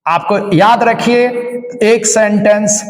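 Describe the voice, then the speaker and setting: A man with a Hindi accent teaching English for an exam, repeating each phrase and translating it into Hindi, with drawn-out exclamations. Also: sits high. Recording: echoey hall with long reverb.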